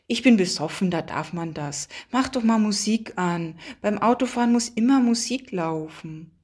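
A woman's voice: mid-range voice, animated, moderate pace, a little mellow, natural voice. A woman reading an audiobook, voicing a tipsy, brash young woman who swears and lashes out. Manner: slurring, crude outbursts.

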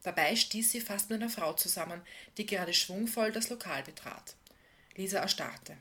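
Woman, literary reading, calm, measured, soft phrase endings. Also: medium pitch. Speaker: author reading from a novel.

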